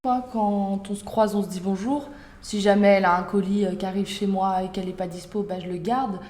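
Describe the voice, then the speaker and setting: A woman's voice: mid-range voice, fairly even intonation, a little fast, darkish tone, reverberant, close to an everyday voice. A woman playing a neighbour in her forties, speaking casually and offhandedly. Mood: offhand. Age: 40s.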